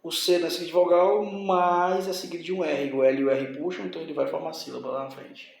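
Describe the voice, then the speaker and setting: A man's voice: fairly high pitch, steady tone, fast talker, vocal fry, heavy reverb. A man teaching a grammar lesson, explaining step by step and checking in with his students. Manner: explains step by step, often asks "tá?" and "certo?".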